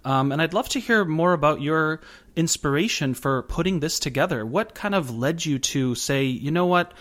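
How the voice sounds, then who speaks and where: A man's voice: fairly high pitch, animated, normal speed, fairly bright tone. A man hosting an interview show, asking long, earnest questions with many fillers. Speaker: host.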